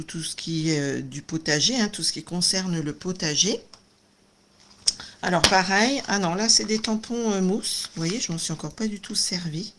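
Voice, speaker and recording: A chatty woman with a slightly low voice shows off her craft supplies at her desk, full of little fillers and bursts of delight. The home recording has clear background noise. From France. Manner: chatty, enthusiastic, many fillers and little exclamations. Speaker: craft video host. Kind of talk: casual live unboxing chat.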